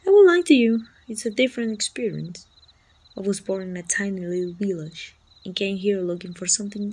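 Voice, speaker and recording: A Mexican-accented woman acts out the role of a friendly, helpful, talkative city guard in a medieval fantasy kingdom for ASMR, speaking to the listener with polite reassurance. Her medium-pitched voice is gravelly and slightly rough, heavily acted, and the audio is poor.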